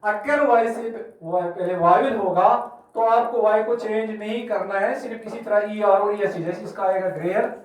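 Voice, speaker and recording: A male teacher from Kashmir explaining grammar to his class slowly, repeating examples and spelling words out letter by letter. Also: sits high. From Kashmir, India. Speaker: school English teacher. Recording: echoey room, mic far off.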